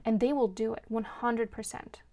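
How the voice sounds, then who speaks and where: A woman's voice: a little high, steady tone, moderate pace, dark tone. A woman giving an earnest, emotional spiritual card reading, rambling with many restarts. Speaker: card reader.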